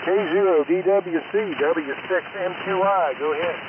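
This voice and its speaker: Guy rambling on a ham radio net, halting and chatty, tinny signal with loud static all over it. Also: high voice. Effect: two-way military radio transmission. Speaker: amateur radio operator on a net. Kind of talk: casual radio net chat. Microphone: military dynamic microphone on a field radio.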